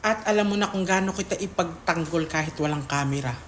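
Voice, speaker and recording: A woman's voice: fairly low pitch, brisk, a little hiss or hum. Woman, shaky emotional voice, pleading, tender direct address, faint room ambience. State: voice shaking with emotion. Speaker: content creator. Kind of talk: emotional vlog statement.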